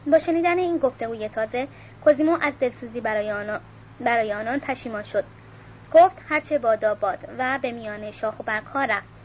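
Woman audiobook narrator, steady and measured, slightly high voice, muffled recording with faint hiss. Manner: steady, measured, with occasional self-corrections. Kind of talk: audiobook reading.

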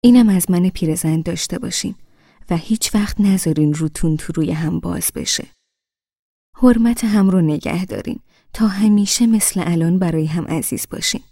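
Storybook granny, old and gentle, a touch higher and louder than the reader's own low, gravelly, mellow voice, dry sound, read by a woman. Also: no echo. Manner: hesitant, stops and restarts. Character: sweet-talking elderly grandmother, gentle and hesitant.

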